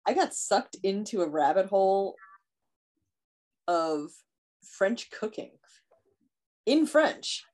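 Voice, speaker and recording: A woman in her thirties co-hosting a casual podcast chat, chatty and quick to laugh as she tells stories. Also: mid-range voice. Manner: chatty, laughs often, animated storytelling. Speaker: podcast co-host.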